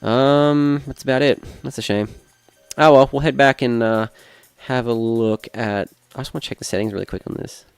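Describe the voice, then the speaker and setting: A young Australian streamer with a smooth, mid-range voice and steady tone chats at a moderate pace as he plays a racing game. The sound has no echo and faint music in the background, and his rambling, thinking-aloud commentary often trails off mid-sentence.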